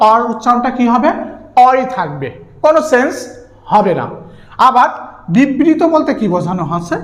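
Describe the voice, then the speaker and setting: A man with a Bangladeshi Bengali accent, teaching an exam-prep grammar lesson. He keeps asking questions and answering them himself, drawing out key words. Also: very high-pitched. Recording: roomy, echoey room.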